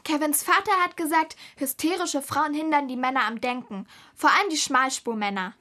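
A woman's voice: high voice, normal speed. A woman voicing an anxious, cheeky young daughter in a radio comedy sketch. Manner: whiny, excitable, cheeky. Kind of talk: scripted radio comedy acting.

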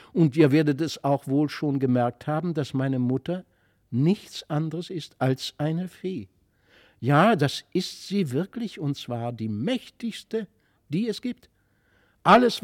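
This is a man giving voice to a mysterious fairy child in an audiobook fairy tale. The tone stays soft, earnest and a little wistful. The voice sits slightly high, with a mellow, dark timbre in a dry, close recording. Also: dry recording.

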